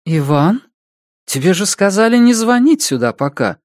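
A cold, controlling woman on the other end of a phone line, as a male reader puts her on, raised high above his usual voice and swooping sharply between stern clipped orders. The delivery is close and dry, in the manner of an audiobook. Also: big pitch swings, moderate pace, no echo. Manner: curt and controlling.

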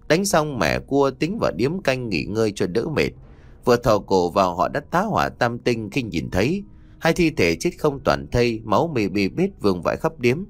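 A man narrating a ghost story with dramatic storytelling. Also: medium pitch.

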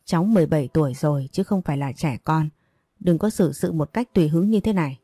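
A woman voicing a stern grown woman who firmly scolds and lectures a teenager, in a low voice. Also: quick pace, mellow, husky, no room sound, clean studio sound.

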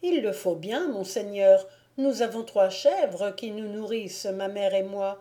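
A woman's voice: medium pitch, unhurried, warm tone, lightly acted. A woman voicing a sweet, humble teenage peasant girl who speaks beseechingly, in a storybook reading. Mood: pleading.

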